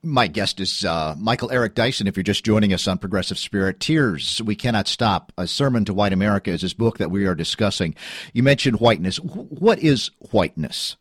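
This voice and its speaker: Male radio host, low voice, dry studio sound, thoughtful probing questions. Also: animated, a little fast, breathy edge, dry recording. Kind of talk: radio interview.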